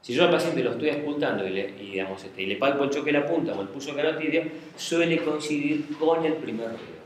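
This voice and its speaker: A man with a fairly high, lively voice speaks fast as he gives a medical lecture in a lecture room, explaining things step by step and checking in with the class often. The recording is very echoey, with a faint hiss.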